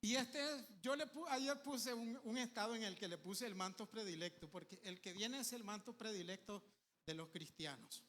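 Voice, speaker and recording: A man preaching a sermon with emphatic bursts and quiet asides, calling the congregation to say amen. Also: high voice, moderate pace, big-room sound. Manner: calls on the congregation for amens.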